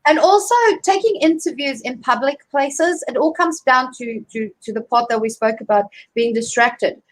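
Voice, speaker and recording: South african lady coaching on a video call, slightly high voice, chatty w lots of ums. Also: normal speed, poor audio. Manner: chatty, advising, with many fillers and restarts. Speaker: career coach guest. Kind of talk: live online interview.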